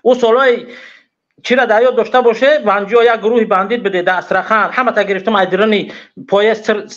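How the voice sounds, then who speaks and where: Brief: high-voiced male caller, agitated and insistent, dull muffled phone sound. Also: fairly even intonation, fairly bright tone. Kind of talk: phone-in talk.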